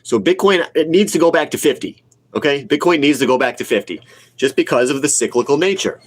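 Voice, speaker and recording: A man of about forty with a cold, sniffling as he chats casually on his livestream. His voice sits on the high side and sounds animated and brisk. A retail investor, he answers viewer comments bluntly and opinionatedly, repeating himself for emphasis.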